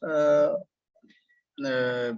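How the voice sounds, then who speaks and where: An Indian man from Punjab gives hesitant practice answers over a video call, pausing and filling the gaps with "uh". He speaks very slowly. The call audio is muffled and lo-fi, and dry, with no room echo. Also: medium pitch, steady tone, darkish tone, clean tone. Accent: Indian English. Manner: hesitant, many fillers. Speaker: student.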